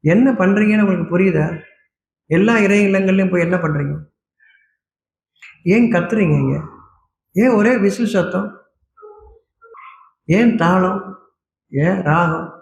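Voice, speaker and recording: A man preaching a sermon, scolding his listeners with a steady stream of rhetorical questions. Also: high-pitched, unhurried, vocal fry, pauses often, roomy sound, slight background noise.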